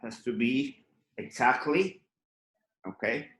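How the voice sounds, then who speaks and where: A man teaching an online drawing class, talking slowly and patiently and often checking in with "okay?". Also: mid-range voice, animated, a bit bright, roomy sound, rough recording. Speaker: art teacher.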